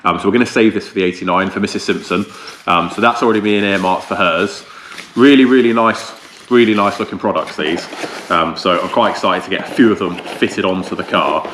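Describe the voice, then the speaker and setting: A man's voice: low-pitched, brisk, fairly bright tone. A man chatting casually to camera, explaining things in an informal, rambling way. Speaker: car restoration vlogger, presenter. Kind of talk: casual vlog talk to camera. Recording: roomy echo, faint background noise.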